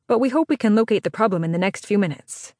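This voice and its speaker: A woman's voice: medium pitch, animated, quick pace, a little mellow, dry recording, studio quality, close to an everyday voice. A woman voicing a polite, apologetic male hotel operator who sounds tinny over an emergency phone line.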